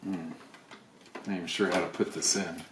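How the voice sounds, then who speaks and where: A man's voice: low voice, little pitch movement, moderate pace. A man thinking aloud with wry asides while unboxing items on camera. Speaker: video creator unboxing items. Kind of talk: casual unboxing commentary. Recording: roomy echo, faint background noise.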